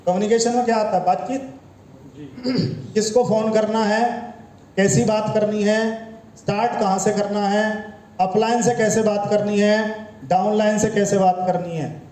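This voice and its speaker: A man's voice: high-pitched, dark tone, slight background noise. A man giving a motivational training talk to a live audience, lecturing and firing rhetorical questions at the room. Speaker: network marketing trainer. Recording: echoey room with faint ambience.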